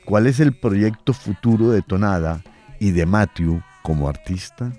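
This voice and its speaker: Slow, low-voiced male radio host. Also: dark tone, faint music behind. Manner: measured, formal questioning. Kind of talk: radio interview hosting.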